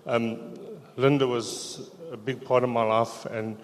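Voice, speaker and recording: Middle-aged man, hesitant, halting delivery, mid-pitched, echoey church sound. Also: level tone. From South Africa. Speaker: church member giving testimony. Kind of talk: personal testimony in church. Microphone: handheld microphone.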